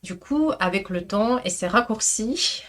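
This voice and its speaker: A woman's voice: mid-range voice, expressive, normal speed, a bit bright. A woman teaching pronunciation in French, carefully repeating and modelling each word. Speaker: Russian language teacher. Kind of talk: pronunciation lesson.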